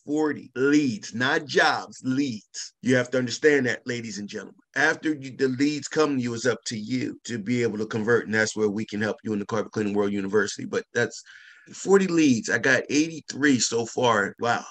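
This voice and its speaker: A man's voice: mid-range voice, normal speed, a bit bright. A middle-aged man who owns a carpet cleaning business, speaking casually and emphatically as a guest and repeating his key points like a salesman. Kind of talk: casual testimonial chat.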